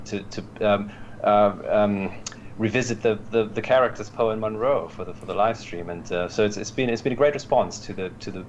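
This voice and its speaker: Halting low-voiced male actor. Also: highs cut off, a little hiss or hum. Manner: halting, many restarts and fillers. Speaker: actor, interview guest. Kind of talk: casual interview.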